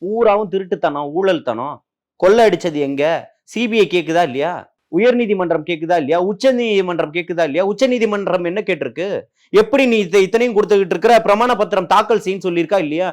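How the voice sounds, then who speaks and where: A man's voice: sits high, fast. This is a man, speaking as a guest in a heated political interview. He argues combatively and stacks up rhetorical questions, one after another.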